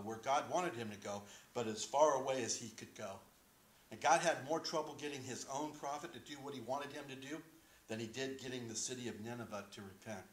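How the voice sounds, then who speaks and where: A middle-aged man preaching a sermon from a church podium, relaxed and joking, with frequent "uh" fillers. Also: mid-range voice. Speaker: pastor. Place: small wood-paneled church sanctuary, indoors. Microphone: podium microphone. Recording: roomy church echo.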